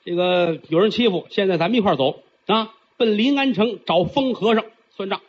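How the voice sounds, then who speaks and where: A man voicing an older dragon mother, a protective figure who gives brisk, indignant commands. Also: sits high, slightly rough. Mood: commanding. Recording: dull lo-fi recording.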